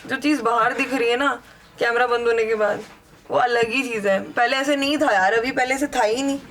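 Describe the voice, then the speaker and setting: A young woman with a high, bright, cutting voice presses her accusations. She pushes back hard and won't let the point drop. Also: steady tone, brisk, a little hiss or hum. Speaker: reality show contestant. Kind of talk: heated argument in Hindi and English.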